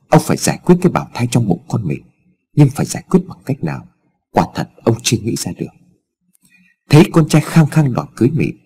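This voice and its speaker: A man narrating an audiobook, telling the story steadily and expressively. His voice is husky and warm, and his pitch moves a lot.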